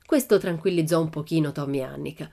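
Low-voiced woman reading a children's story. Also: fast talker, creaky. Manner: lively, expressive storytelling. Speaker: audiobook reader.

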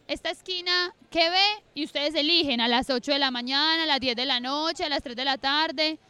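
A woman's voice: high-pitched, normal speed, pushed and bright, no echo. A woman guiding a group writing exercise in an outdoor park, chatty and repeating her instructions, with a handheld mic she often forgets to use. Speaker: workshop facilitator. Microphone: handheld mic, often held away.

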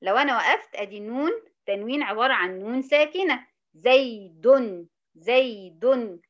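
A woman with an Egyptian Arabic accent teaching a Quran recitation lesson, asking her students questions and drawing out the example words slowly. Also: fairly high pitch, expressive, fairly bright tone, lo-fi sound. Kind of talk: informal tajweed lesson.

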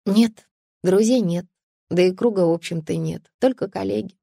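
A quiet, cultured young woman who can be blunt and cutting, as a woman reads her. Her voice sits at a middle pitch. The audiobook sound is dry and close. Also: normal speed, vocal fry, no room sound. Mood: calm. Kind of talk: audiobook character voice.

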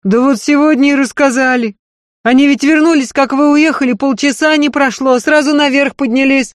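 A woman's voice: sits high, steady tone, moderate pace, dry recording, clean studio sound, pitched above the performer's own voice, close to an everyday voice. Woman doing a blunt old-fashioned maid. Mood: excited. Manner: earthy folksy speech, emphatic.

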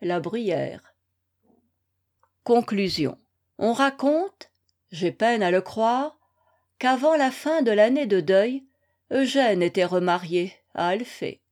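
A woman narrating a story aloud in a measured, deliberate manner. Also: mid-range voice, animated, a little mellow. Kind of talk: audiobook reading.

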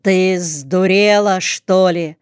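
A woman's voice: on the low side, little pitch movement, slow, darkish tone, smooth, dry recording, studio quality. A woman reading a curt young soldier home from the front. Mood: gruff. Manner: curt, commanding tone.

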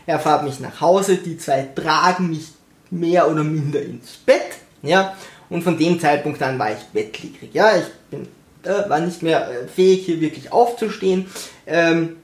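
A man's voice: a little high, moderate pace. A young man telling a personal story in a casual, sarcastic way, acting out the voices of the people he quotes. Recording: roomy echo.

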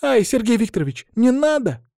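A man reading an audiobook, voicing an impatient, nagging schoolgirl who is quick to snap. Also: fairly high pitch, animated, warm tone, dry recording, studio quality. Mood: pleading.

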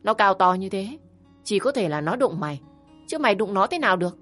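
A woman doing a shrill, scolding older aunt. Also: very animated, brisk, faint music behind. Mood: demanding. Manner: yelling, berating, harsh.

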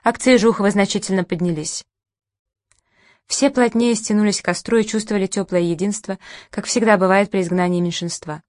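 A woman's voice: medium pitch, steady tone, a little fast, darkish tone, no room sound. Woman narrating an audiobook, dry close sound.

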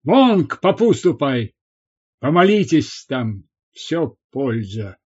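A man's voice: mid-range voice, very animated, slow pace, a little mellow, slightly rough, lo-fi sound, heavily acted. A man voicing a fierce, angry village healer woman who barks orders. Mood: furious. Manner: barking orders.

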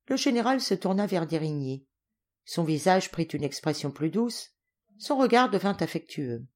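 A woman narrating a classic novel as an audiobook, in clear, measured storytelling. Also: on the low side, very animated, darkish tone. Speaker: audiobook reader.

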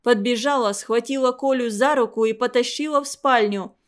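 A woman's voice: on the high side, moderate pace. A woman reading a story aloud.

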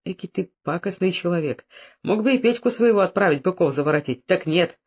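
A man's voice: high voice, lively intonation, brisk, dull audio. A man reading aloud voices a poor, outspoken peasant who scolds bluntly. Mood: indignant.

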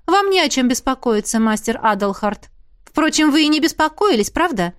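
A woman reads an audiobook in a high voice with big pitch swings at a moderate pace, pitching herself above her natural register to play a proud young female magic student who speaks sharply and indignantly. The recording is dry and studio quality.

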